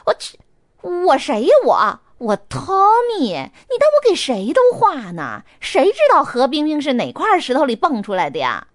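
A woman doing a shrill, campy male makeup artist. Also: big pitch swings, normal speed, dry recording, studio quality. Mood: outraged. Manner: shrill, camp and indignant.

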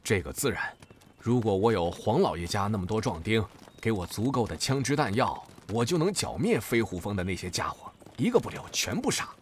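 A man voicing a brash young male mountain fighter in a storybook reading, boastful and shouting his challenges. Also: lowish voice, sing-song, fairly quick, a little hiss or hum, voice pushed down. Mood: confident.

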